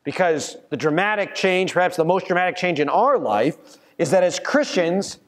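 A man's voice: high-pitched, animated, normal speed. Young male pastor, earnest sermon delivery, reverberant sanctuary. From United States. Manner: earnest storytelling, with restarts and fillers. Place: church sanctuary, at a pulpit. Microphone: pulpit mic from a far camera. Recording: long church reverb.

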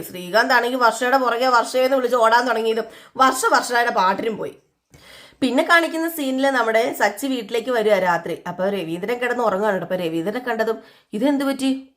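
A woman's voice: on the high side, fast, a bit bright. A woman vlogger casually retelling a TV serial episode, chatty with frequent asides to listeners.

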